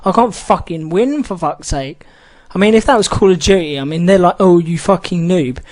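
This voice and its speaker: A man's voice: high voice, animated, fairly quick. A man ranting casually about an online match, swearing often and rambling with many restarts. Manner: heated, swears a lot, rambling with frequent restarts. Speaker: gaming channel host.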